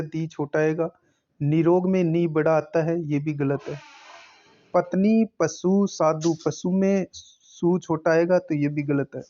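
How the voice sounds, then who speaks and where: A man's voice: fairly high pitch, mellow, highs cut off. A man teaching, working through an exam paper question by question and repeating each answer. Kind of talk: exam paper solving lesson.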